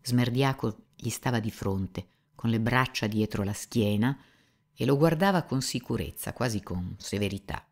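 A woman narrating a classic novel as an audiobook, in a measured, slow and expressive way. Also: extremely low pitch.

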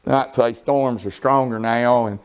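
A man preaching a sermon in a church, swinging from shouted, tearful peaks to a low, confiding storytelling tone with plenty of fillers. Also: fairly even intonation, unhurried, smooth. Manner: rises into shouted, tearful crescendos, then drops to a low confiding tone; homespun storytelling with many fillers. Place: church sanctuary.

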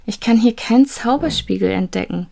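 A timid young boy in a storybook, anxious and quick to stammer when he is scared, as a woman reads him. His voice sits higher than the reader's own low, gravelly tone, but a slight rasp still creaks through. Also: dark tone.

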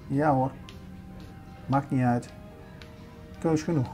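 An older man talks his viewers around a big indoor supermarket, chatty and easygoing as he points out the aisles. His voice is mellow and dark. Faint music plays in the background. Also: mid-range voice, fairly even intonation, slow pace. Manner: chatty, showing things around as he walks. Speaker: vlogger. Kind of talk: casual shopping vlog narration.

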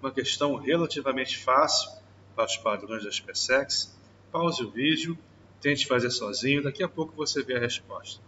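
A man's voice: mid-range voice, animated, sharp tone, a little hiss or hum. A man, a teacher walking through an exam question and stretching out the key words. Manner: slow, drawn-out stress on key words. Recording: distant, dull mic in reverberant room.

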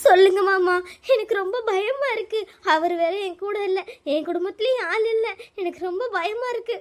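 A woman's voice: very high-pitched, brisk. A woman voicing a frightened, pregnant young daughter-in-law in a cartoon, pleading and tearful. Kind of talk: cartoon voice acting.

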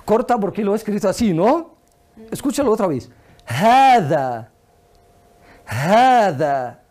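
Woman teacher, patient one-on-one drills, bright animated delivery. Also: mid-range voice. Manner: patient, drills words slowly and asks questions. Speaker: Arabic teacher. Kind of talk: one-on-one language lesson.

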